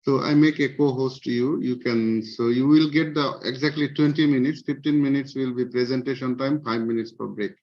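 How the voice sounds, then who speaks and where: A man's voice: medium pitch, fairly even intonation. Man chairing an online conference session. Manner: halting, loose informal phrasing. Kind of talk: casual organizing talk. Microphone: computer mic on a video call. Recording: dull lo-fi online call audio.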